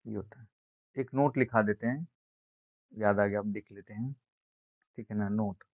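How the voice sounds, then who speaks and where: A man teaching an exam-prep science lesson, speaking slowly and repeating key words, asking questions and answering them himself. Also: lowish voice, no echo. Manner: slow, repetitive, asks and answers own questions. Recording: dry, phone-like narrow sound.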